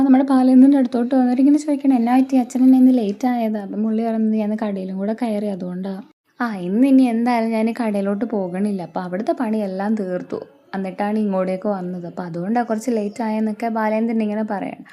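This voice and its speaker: Casual Malayali woman narrator, mellow and a touch high, chatty storytelling. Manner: chatty, retells the characters' lines in her own voice. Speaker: serial recap narrator. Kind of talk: casual retelling of a TV serial episode.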